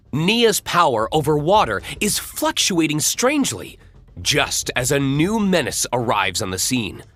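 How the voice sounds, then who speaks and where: An audiobook narrator reading a children's adventure story with expressive storytelling. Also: medium pitch.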